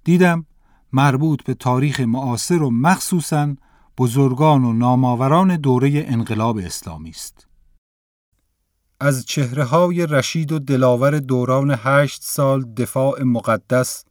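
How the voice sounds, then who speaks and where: A man narrating a textbook lesson story in a measured, careful reading voice. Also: medium pitch, no room sound, studio quality.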